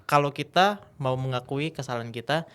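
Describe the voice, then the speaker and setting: A man's voice: mid-range voice, brisk, smooth. A man, a guest speaker and MC, telling stories in a casual podcast chat and acting out the scenes. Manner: lively storyteller, acts out scenes.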